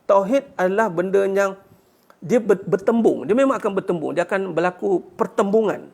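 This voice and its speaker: A man's voice: high-pitched, normal speed, vocal fry, darkish tone. A man giving a religious lecture as a teacher, answering questions earnestly and punctuating his points with "ha" and rhetorical questions. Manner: earnest, urging listeners to fight back.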